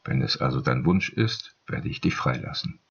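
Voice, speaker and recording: A man reading a calm, dignified old patriarch. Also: very deep voice, breathy edge, highs cut off, pitched below the performer's own voice, full character voice. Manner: calm, measured. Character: older male head of household, calm and dignified.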